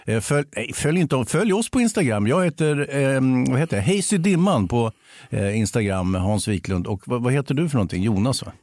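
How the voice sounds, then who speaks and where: A man's voice: medium pitch, big pitch swings, darkish tone, dry recording. A man co-hosting a podcast in casual chat, trading dry, wry banter. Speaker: podcast co-host.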